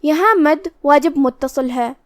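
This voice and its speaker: High-voiced woman teaching Quran recitation. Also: no echo, clean studio sound. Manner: explains rules step by step, then recites verses slowly and drawn out. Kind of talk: tajweed lesson with slow recitation.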